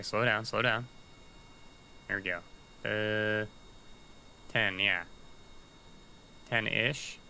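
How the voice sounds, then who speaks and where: A man with a very bright, sharp-edged voice talks his way through a game on a livestream, chatty and thinking aloud. He mutters little asides to himself as he plays. A faint hum sits under his voice. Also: fairly low pitch, poor audio. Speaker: livestreaming gamer. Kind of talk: casual gameplay commentary.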